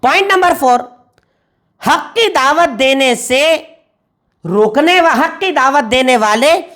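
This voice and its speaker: A woman with a high-sitting voice teaches a Quran commentary lesson, explaining it word by word with English glosses. She repeats her points in steady lists.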